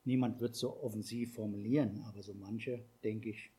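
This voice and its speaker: A man's voice: fairly low pitch, fairly even intonation, fairly quick, mellow, slightly rough. A man preaching a sermon, talking conversationally and asking the congregation questions.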